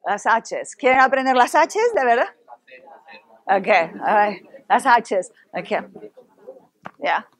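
Her voice sits on the high side as she moves at a slow pace and pauses often. A Spanish-accented woman from Spain, she teaches Spanish at a university and runs an interactive workshop with lively, playful energy, drawing answers out of the audience.

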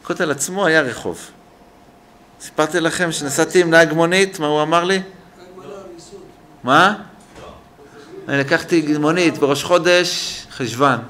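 A man's voice: fairly high pitch, pauses often, sharp tone. An older man, a rabbi giving a synagogue lesson, telling stories with animation and acting out the people he quotes. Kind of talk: storytelling sermon. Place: synagogue hall.

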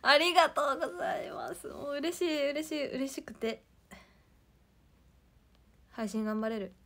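Bubbly, bright young woman livestreaming. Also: high-pitched, animated, a little slow. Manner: giggly, bubbly and chatty. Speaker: idol livestream host. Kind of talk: casual livestream chat, reading comments.

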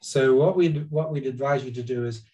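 This is an older male psychologist appearing as a guest on a video call, talking earnestly from his living room through a webcam. He gestures as he explains, restarting sentences often, in a dark, medium-pitched voice at normal speed. The sound is lo-fi.

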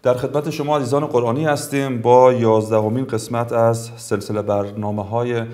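A man's voice: medium pitch, level tone, darkish tone. Afghan Dari-speaking male tajweed teacher. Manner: formal and courteous, drawls each example word slowly twice. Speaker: Quran recitation teacher. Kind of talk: tajweed lesson with slow recited examples.

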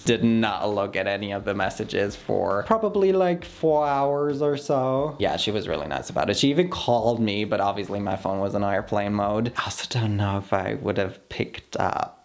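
A man's voice: on the low side, lively intonation, moderate pace, hardly any pauses. A man in his twenties talking casually and candidly to camera, telling a personal story in an informal way. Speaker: vlogger. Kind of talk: casual confessional chat to camera. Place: small furnished room indoors.

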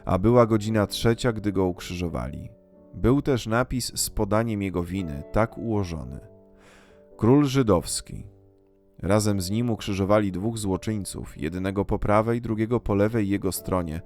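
Low-voiced man solemnly reading scripture. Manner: measured, unhurried, reverent delivery. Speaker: scripture reader. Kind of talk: solemn liturgical Gospel reading. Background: soft guitar music.

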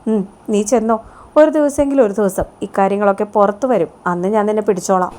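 A woman's voice: medium pitch, fast talker, a little mellow, close to an everyday voice. A woman voicing a suspicious young woman who questions someone firmly in a serial retelling. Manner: questioning, firm.

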